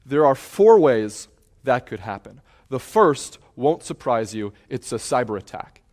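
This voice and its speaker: A man's voice: medium pitch, very animated, measured pace. A man giving a talk, telling stories dramatically and building intensity around a repeated refrain. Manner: acts out shouts and quotes.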